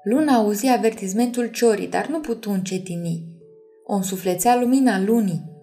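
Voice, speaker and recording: A woman narrating an audiobook chapter in a measured, expressive reading. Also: mid-range voice, faint music behind.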